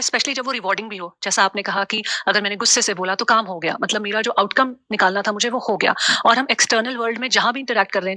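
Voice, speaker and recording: A woman's voice: mid-range voice, sharp tone, dry recording. A woman interviewer asking long, searching questions that she builds up with practical examples.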